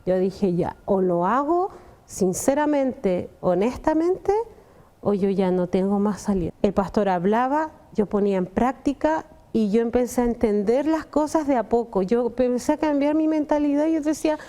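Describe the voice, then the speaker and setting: A woman's voice: on the high side, animated, normal speed, mellow. A young adult woman, giving an earnest personal testimony and often addressing the pastor. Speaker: testimony guest.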